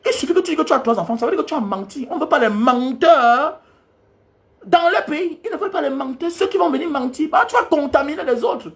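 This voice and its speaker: A young man from Cameroon talks straight to his viewers. His voice sits unusually high for a man. He scolds them in a heated, repetitive rant, hammering the same point again and again. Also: expressive, fast talker. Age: young adult. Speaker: travel advisor vlogger.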